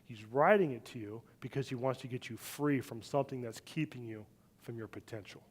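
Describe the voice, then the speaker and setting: A middle-aged man preaching a sermon, telling a family story with animated, loud swings when he acts out what people said. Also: medium pitch, brisk, slightly rough. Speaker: pastor. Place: church sanctuary.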